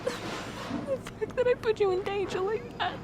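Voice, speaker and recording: In an ASMR roleplay, a crying woman delivers a tearful confession in an extremely high voice, stopping mid-thought and repeating herself. Heavy noise sits underneath her halting words.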